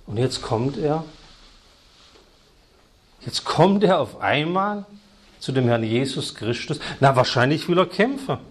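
A man preaching a sermon, emphatic and repetitive, swinging between loud stressed words and hushed asides. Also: a little high, very animated, unhurried, pauses often.

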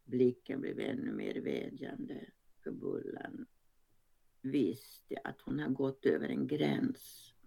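Low-voiced woman reading a story. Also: sing-song, gravelly, warm tone, husky. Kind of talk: read-aloud story narration.

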